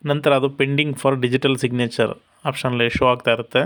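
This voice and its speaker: A man narrating a step-by-step software walkthrough in a steady instructional manner. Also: medium pitch, moderate pace. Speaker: software tutorial presenter. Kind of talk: screen-recorded software walkthrough.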